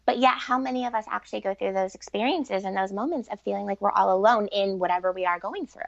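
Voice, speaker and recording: A gravelly, medium-pitched woman talks fast as a podcast interview guest. She's middle-aged, a relationship author and coach, and her answers are earnest, reflective and conversational. There's no room sound, but the recording comes across dull and lo-fi.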